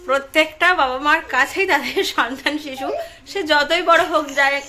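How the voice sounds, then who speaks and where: A young woman vlogging at home as a mother, coaxing her toddler in sing-song talk and chatting quietly to her viewers. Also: normal speed. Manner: quieter, lower chatty narration. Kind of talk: casual home vlog.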